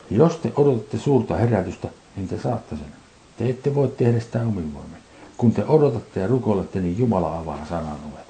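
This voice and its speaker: Male preacher, deep low voice, reads scripture and explains it, sermon delivery. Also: mellow, slight background noise.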